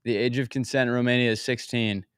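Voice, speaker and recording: A young man hosting a casual chat, relaxed and easily amused, with lots of fillers. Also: mid-range voice, quick pace, clear, resonant tone, no echo, studio quality. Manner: laid-back, laughs easily, lots of fillers. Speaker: host.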